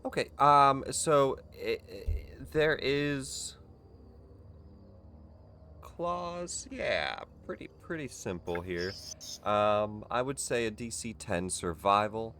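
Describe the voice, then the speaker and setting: A man's voice: medium pitch, animated, takes it slowly, sharp tone, slight background noise. A man narrating as game master, loose and rambling, correcting himself as he goes.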